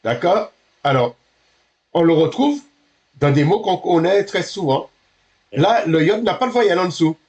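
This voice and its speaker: A man teaching a beginner Hebrew class, halting and correcting himself, patiently checking that his students understand. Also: sits high, expressive, a little mellow, slightly rough.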